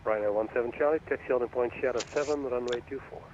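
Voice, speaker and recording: A man working as an air traffic controller, giving procedural clearances over a radio. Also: mid-range voice, quick pace, a crowd in the background. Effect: radio transmission. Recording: narrow tinny radio, faint noise.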